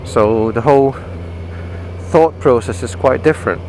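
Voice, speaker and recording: A man with a British accent talks from inside a motorcycle helmet in a casual, explanatory way. His pitch sits in the middle for a man. Clear vehicle and outdoor noise runs behind his voice. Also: unhurried, warm tone, rough recording. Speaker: motorcycle vlogger. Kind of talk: casual explanatory vlog talk while riding. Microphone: microphone inside the helmet. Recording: clear engine, wind and traffic noise.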